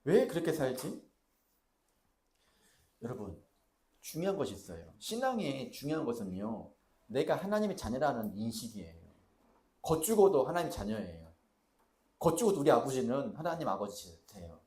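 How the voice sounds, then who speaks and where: Animated preaching man. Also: mid-range voice, moderate pace. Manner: lively preaching, shouting out emphatic lines and questioning the congregation. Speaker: pastor. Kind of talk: sermon. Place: church sanctuary.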